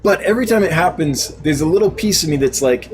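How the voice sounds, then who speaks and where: A man's voice: a little high, animated, fast, a little mellow, a little hiss or hum, low-quality recording. A man hosting a casual live stream, reading out viewer comments and answering them in a chatty, laughing, self-deprecating way. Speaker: live stream host and fish seller.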